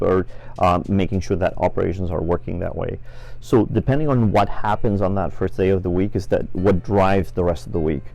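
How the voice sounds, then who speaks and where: Middle-aged businessman from Venezuela, low warm voice, thoughtful and hesitant interview delivery. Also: creaky. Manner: measured, with frequent fillers and restarts. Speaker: franchise business owner. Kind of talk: interview answers.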